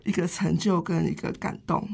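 A woman, a hospice caregiver telling stories in an interview with lively, laughing delivery. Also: fairly low pitch, normal speed, creaky, a little hiss or hum. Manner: lively storyteller who laughs often. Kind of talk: interview storytelling.

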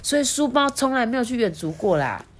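A woman reading a picture book aloud to a child, with lively chatty asides. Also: on the high side, fairly quick. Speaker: storyteller.

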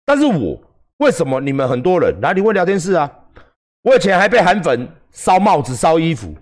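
Livestream host, Taiwanese man, middle-aged, heated profane rant, high voice with big swings. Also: very animated, a little fast. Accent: Taiwanese Mandarin. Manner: combative, profane, shouting at critics.

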